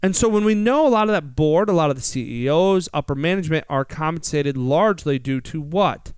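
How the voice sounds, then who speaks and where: American male financial host, high smooth voice, conversational, rhetorical questions, dry sound. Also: animated, a little fast, darkish tone, no room sound. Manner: asks rhetorical questions, emphatic repetition. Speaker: financial radio show host.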